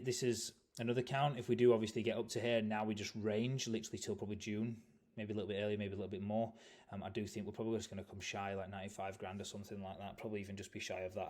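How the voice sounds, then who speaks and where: A man's voice: fairly low pitch, level tone, racing, darkish tone. A man giving casual, rambling chart analysis, leaning on "obviously" and correcting himself as he goes. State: yawning, tired. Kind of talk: casual market analysis video.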